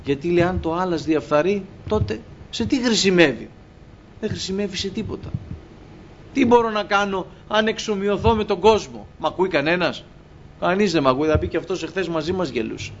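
A man's voice: high voice, a little hiss or hum. Impassioned male preacher, lo-fi recording. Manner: impassioned, acts out dialogues with God, addresses brothers. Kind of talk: sermon. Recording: dull lo-fi recording with faint ambience.

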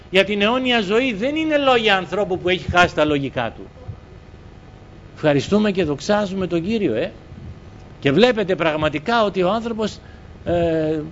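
A man from Greece preaching a sermon, earnestly retelling conversations and pausing on fillers. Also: a bit bright. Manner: earnest, retells conversations with many quoted exchanges and hesitant fillers. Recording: dull muffled recording with faint rumble.

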